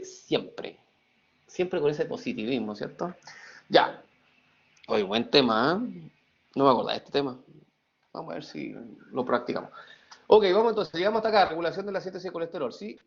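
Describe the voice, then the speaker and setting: A middle-aged man teaching over a video call, joking with his students before explaining the material. His voice is a little high and gravelly. The sound is dull and lo-fi. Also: lively intonation, moderate pace, long pauses. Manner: reads student chat aloud, playful. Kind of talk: online class lecture.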